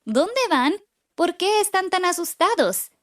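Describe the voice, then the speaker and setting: Chirpy excited duck guy, high and bouncy, woman doing the voice. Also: slow, heavily acted.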